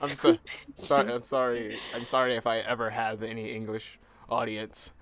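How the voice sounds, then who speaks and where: A woman's voice: rumbling low, level tone, moderate pace, fairly bright tone. A young woman casually commenting on a game she is playing, with profane, laughing reactions. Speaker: game streamer. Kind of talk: casual let's-play commentary.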